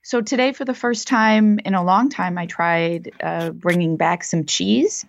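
A woman with a gravelly, scratchy whiskey voice explains things casually and haltingly as a podcast co-host. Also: lowish voice, dull audio. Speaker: podcast co-host answering listener questions.

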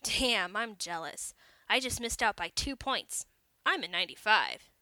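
A woman reading a story aloud, voicing a boastful, envious male office coworker who talks quickly and eagerly. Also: medium pitch, expressive, sharp tone, no room sound.

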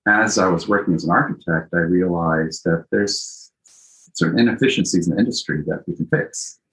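A man who is a guest on a podcast, answering in a thoughtful, unhurried way with frequent ums. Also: low-pitched, rough recording. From born in Greece, raised in Japan and Italy. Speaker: architect and company founder, guest. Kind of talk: casual interview.

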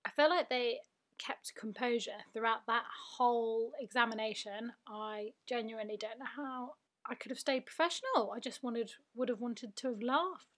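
A woman's voice: on the high side, moderate pace, a bit bright. A young woman hosting a casual podcast, chatty and self-mocking, often laughing as she reads listener emails. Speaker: podcast host.

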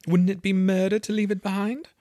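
A man's voice: mid-range voice, wildly swooping pitch, normal speed, a bit bright, husky, no room sound, clean studio sound, pitched above the performer's own voice, full character voice. A man voicing a polite, curious young girl in a storybook reading, earnest and a little prim. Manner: prim and eager to please.

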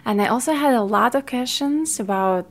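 A woman's voice: on the high side, normal speed. A woman from Ukraine with a Ukrainian accent, a non-native English speaker, hosting her own podcast in an earnest, chatty way with small grammar slips. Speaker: podcast host, fitness coach. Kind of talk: casual solo podcast talk.

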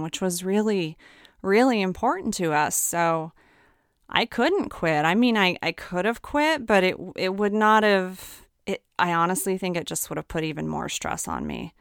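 A woman's voice: fairly low pitch, sing-song, unhurried, smooth, no echo. A woman nutritionist telling a personal story in an earnest, candid way, close to the mic. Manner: earnest, candid, emphatic at times. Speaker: nutritionist sharing her story.

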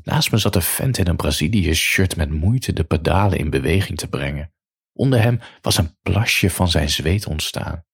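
A man's voice: low-pitched, expressive, moderate pace, gravelly, breathy edge. A man narrating a first-person story in a dry, matter-of-fact way.

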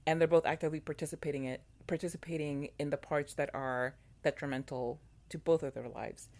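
Deep-voiced woman, talkative co-host, lots of restarts and fillers. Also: brisk. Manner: animated, many fillers and restarts. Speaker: podcast co-host. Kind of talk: casual chat about a TV show.

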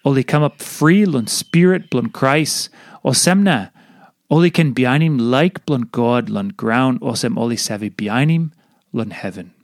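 A man's voice: mid-range voice, measured pace, no echo, studio quality. A man with a Papua New Guinean accent, a native Tok Pisin speaker, reading a devotional in Papua New Guinea pidgin. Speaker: devotional reader.

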